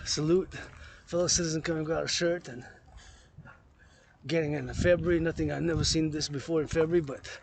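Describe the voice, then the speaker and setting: A man's gravelly, slightly rough voice, a little high and steady in tone, moves along briskly as he chats through a rambling vlog on a park walk among trees. He keeps circling back to restate his words in a chant-like, repetitive way. The outdoor recording is noisy and full of clicks.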